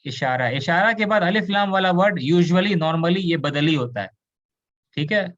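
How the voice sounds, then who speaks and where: A man's voice: high-pitched, expressive, a little slow, a bit bright, muffled recording. Indian man teaching Arabic grammar. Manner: explains patiently, mixes in English, asks students questions. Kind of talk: online class lecture.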